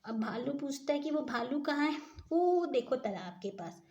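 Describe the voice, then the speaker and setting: A woman's voice: sits high, expressive, normal speed, darkish tone, muffled recording. A woman reading and explaining a children's story, often stopping to ask her listeners questions. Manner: retells each line and explains the wordplay, asks listeners questions.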